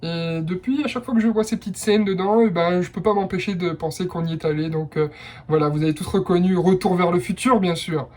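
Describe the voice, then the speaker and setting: A man's voice: high voice, fairly quick, a little mellow. A young man hosting a casual blind test quiz, chatty and enthusiastic, with personal asides between rounds. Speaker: quiz host.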